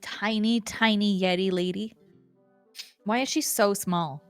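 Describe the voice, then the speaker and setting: A woman's voice: mid-range voice, steady tone, measured pace, smooth, soft background music. A woman streamer chatting casually and curiously while playing a game. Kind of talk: casual let's-play chat.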